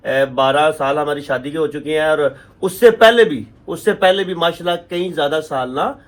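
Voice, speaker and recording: A man, chatting and teasing playfully as co-host of a family vlog. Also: moderate pace. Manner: playful, teasing, jumpy in pitch. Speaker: co-host husband. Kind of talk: casual chat.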